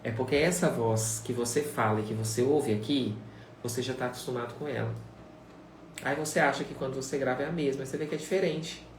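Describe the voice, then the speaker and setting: A man with a mid-range voice talks a little fast while giving a casual sign language lesson on a live stream. He speaks directly to viewers, conversational and repetitive as he restates his points. The recording has slight background noise, faint ambience and an echoey room, with his voice far from the mic.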